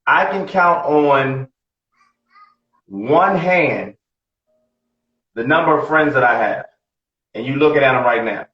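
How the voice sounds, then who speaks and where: A man's voice: mid-range voice, lively intonation, slow, long pauses, a bit bright. A man in his late forties talks bluntly on a podcast, cursing freely and circling back over the same points. He sounds distant from the microphone. The room is echoey and the sound is dull and lo-fi. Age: 40s. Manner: blunt, profane, repeats himself. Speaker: podcast co-host. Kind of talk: casual podcast chat.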